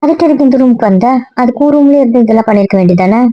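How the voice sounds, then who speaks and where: ஒரு பெண் நடிகை, நேரடியாகவும் கடிந்துகொள்ளும் விதமாகவும் பேசும் இளம் பெண்ணாக நடிக்கிறார். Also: female voice, on the high side, animated, lightly acted. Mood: scolding. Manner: quick, blunt, scolding. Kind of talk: web serial acting. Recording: dry dull lo-fi sound.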